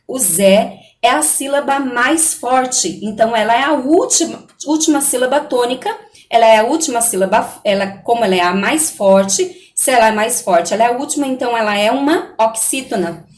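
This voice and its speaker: A woman teacher giving a recorded online lesson to young students, patient and explaining step by step, checking in often with the class. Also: fairly high pitch. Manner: patient, repeats "né?" and "tá certo?" often. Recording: echoey room.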